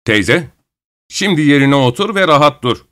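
A man voicing a brisk middle-aged male animal trainer who calls out commands to his animals in an audiobook. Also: fairly high pitch, animated. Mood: commanding. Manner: loud, calling out commands. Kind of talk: audiobook character voice.

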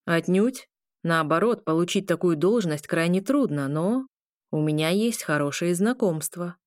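A woman's voice: lowish voice, animated, unhurried, no echo, clean studio sound. A woman voicing a boastful, sly male legate guard in an audiobook. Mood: smug.

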